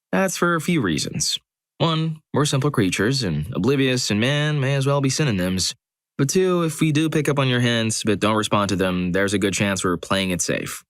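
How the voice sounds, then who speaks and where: Man, low pitch, scripted story narration, expressive delivery, dry close sound. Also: no echo. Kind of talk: scripted narration of first-person online stories.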